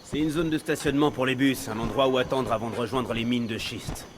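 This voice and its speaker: A man's voice: mid-range voice, fairly even intonation, brisk, noisy background, lightly acted. An actor playing an anxious, defensive local father who guides rebels through town in a game. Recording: game audio, street ambience behind.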